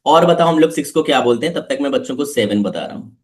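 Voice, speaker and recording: A man's voice: medium pitch, animated, quick pace. A man teaching a live online class for children, coaxing them with repeated questions.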